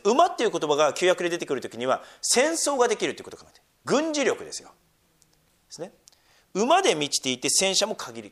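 A middle-aged man preaching with a lively, wide-ranging voice that sits a little high for a man. He swings from hushed, almost whispered asides to loud emphatic points. He reads scripture in a slow, drawn-out cadence. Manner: animated, swings from soft near-whispers to loud emphatic lines. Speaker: pastor. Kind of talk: sermon.

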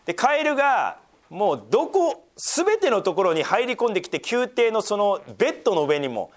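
Animated, high-voiced male preacher. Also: moderate pace. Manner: reads scripture, then explains it with lively asides. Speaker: pastor. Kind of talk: sermon.

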